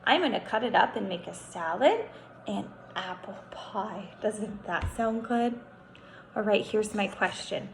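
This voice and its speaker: A young woman teaching kindergarten reads a story aloud with slow, careful delivery and a medium-pitched voice that carries a distinct creak. Animated and instructive, she draws out key words and explains things along the way. The recording has a roomy echo and some faint background noise.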